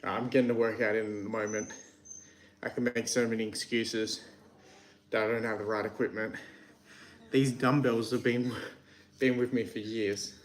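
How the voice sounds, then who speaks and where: A man's voice: on the low side, level tone, slight background noise. A man in his twenties livestreaming from a hot shed while lifting dumbbells, out of breath and giving a casual motivational pep talk. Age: 20s. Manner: pep-talk delivery, swears casually, pauses to count reps. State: out of breath from working out. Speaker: livestreaming creator.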